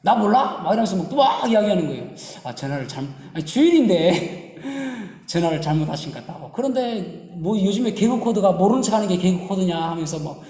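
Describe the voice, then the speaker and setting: A man preaching a Sunday sermon as pastor, mixing stories and scripture in an animated style, in an echoey church hall. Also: sits high, fast talker.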